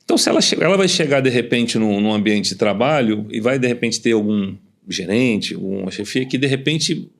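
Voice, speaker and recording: A man's voice: medium pitch, expressive, fairly quick, few pauses. A man hosting a podcast, who rambles and repeats words as he restarts his sentences. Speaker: podcast host. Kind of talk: conversational podcast interview.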